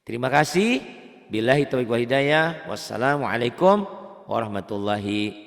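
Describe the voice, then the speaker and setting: Gravelly Indonesian man teaching recitation. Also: expressive, long reverb tail. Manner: explains plainly, then chants Arabic examples slowly in a high voice; asks and answers his own questions. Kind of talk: beginner tajwid lesson.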